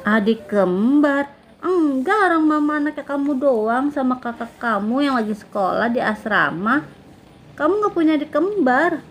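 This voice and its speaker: A woman's voice: high voice, animated, a little hiss or hum. A young woman voicing a stern, scolding mother in a toy game role-play. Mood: matter-of-fact. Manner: scolding, bossy, quick to threaten.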